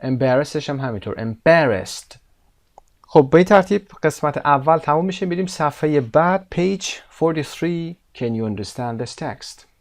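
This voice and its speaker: Man drilling English words for learners. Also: fairly high pitch. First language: Persian. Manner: repeats English words slowly and emphatically, then explains quickly. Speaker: English teacher. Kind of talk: language lesson explaining vocabulary and pronunciation.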